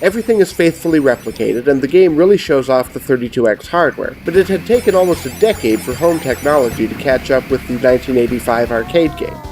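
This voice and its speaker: A middle-aged man, giving scripted, measured and precise review narration as host of a retro gaming show. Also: mid-range voice, a little mellow.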